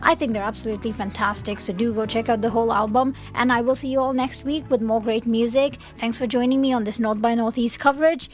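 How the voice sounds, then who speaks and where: A woman's voice: fairly high pitch, steady tone, fast talker, few pauses. A woman presenting and interviewing in a casual way as a music radio host.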